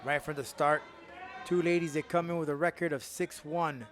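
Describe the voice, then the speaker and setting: High-pitched man calling fights. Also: steady tone, normal speed. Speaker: fight commentator. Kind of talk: live MMA play-by-play commentary. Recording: faint music and crowd behind.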